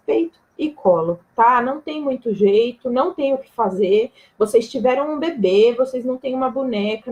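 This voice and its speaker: A woman's voice: fairly high pitch, poor audio. Woman teaching viewers on a live stream. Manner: explanatory, repeats "tá?" to check understanding; casual and direct with viewers, jokes and laughs. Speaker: breastfeeding educator.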